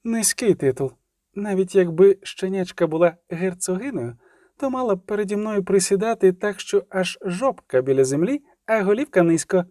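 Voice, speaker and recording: A man's voice: high-pitched, expressive, normal speed, warm tone, no echo, clean studio sound, voice pushed up. A man voicing a proud young female swordswoman who speaks with cold arrogance. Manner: arrogant, cutting.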